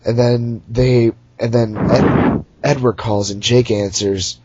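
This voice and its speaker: A man's voice: mid-range voice, steady tone, takes it slowly, darkish tone, breathy edge, dry recording, highs cut off. A young man giving a rambling, sarcastic recap of a movie in casual chat, recorded at home on a computer mic. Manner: rambling, sarcastic, mocking character voices. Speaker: movie reviewer.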